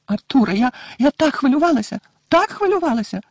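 A man voicing a frantic, tearful middle-aged witch mother in a high, shrill, sobbing voice, from an audiobook. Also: big pitch swings, brisk, dry recording, clean studio sound, exaggerated voice.

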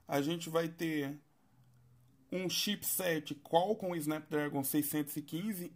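A man casually reviewing a smartphone for his vlog, talking in a chatty, halting way with frequent tag questions. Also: fairly high pitch. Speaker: tech reviewer.

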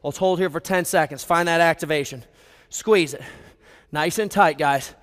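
A man's voice: fairly high pitch, normal speed, fairly bright tone. An American man in his twenties coaching a group workout in a hyped, motivational gym-bro manner, giving cues and countdowns while exerting himself. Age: 20s. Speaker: fitness instructor leading a group workout. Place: large brick warehouse gym, indoors. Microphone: headset. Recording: reverberant large hall.

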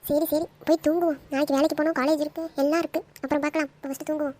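A loving, reassuring middle-aged mother from a cartoon, voiced by a woman. She speaks high and fast, coaxing her daughter gently. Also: flat delivery, lightly acted. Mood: soothing. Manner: soothing, motherly.

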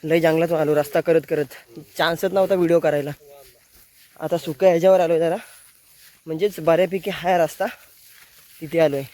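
A man's voice: fairly high pitch, steady tone, fairly quick, long pauses, darkish tone. A man chatting casually to his viewers as he walks through a forest and along a river. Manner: chatty, repeats himself, addresses viewers as friends. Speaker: vlogger. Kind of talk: casual outdoor vlog narration. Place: forest and riverside outdoors at dusk.

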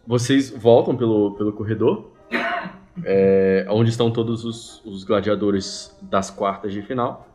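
A man in his thirties with a Brazilian accent, casually narrating a tabletop game as game master in an animated, colloquial way. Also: lowish voice, a little slow. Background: background music.

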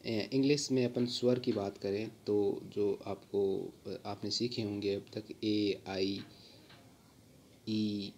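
Male tutor, unhurried explainer, patient, repeats key words, faint hiss behind. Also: on the low side, level tone, a little mellow. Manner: patient, repeats words slowly with many fillers. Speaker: English grammar teacher. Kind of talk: slow explanatory lesson.

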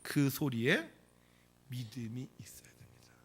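A man's voice: mid-range voice, very animated, unhurried, slightly rough. A male pastor preaching a sermon dramatically, firing rhetorical questions at the congregation.

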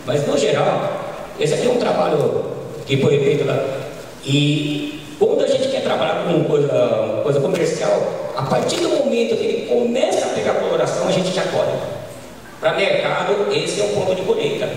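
A middle-aged Brazilian man giving an informal conference lecture on a handheld microphone, often ending points with quick tag questions. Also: on the high side, very animated, darkish tone, slight background noise. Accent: Brazilian Portuguese. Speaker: agronomist lecturer. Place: large conference hall. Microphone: handheld mic, filmed from far. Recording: echoey hall from far off.

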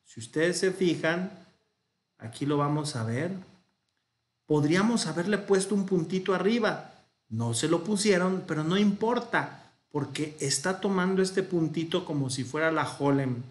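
A man's voice: fairly high pitch, measured pace, reverberant. A man with a Mexican Spanish accent teaching a Hebrew grammar class, explaining patiently and correcting himself as he goes. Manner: patient, thinks aloud, corrects himself mid-sentence.

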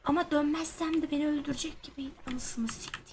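Young woman streamer, high voice, skittish and foul-mouthed, noisy recording. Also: steady tone, fast talker. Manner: jumpy, swears and shouts when scared. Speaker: gaming streamer. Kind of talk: casual let's-play chat. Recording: noisy gaming stream audio.

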